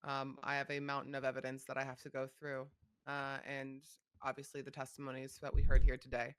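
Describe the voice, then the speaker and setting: A man playing a measured but firm judge in an unscripted courtroom role-play, speaking in a hesitant, informal way. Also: medium pitch, completely flat delivery, fairly bright tone, clear, resonant tone, no room sound, lightly acted.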